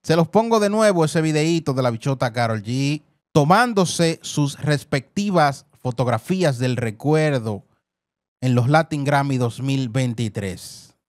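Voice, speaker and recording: A man's voice: mid-range voice, lively intonation, a little slow, heavy background noise. A man hosting celebrity news, talking effusively over clips, repeating words and calling his viewers family. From Dominican Republic. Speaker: entertainment news host.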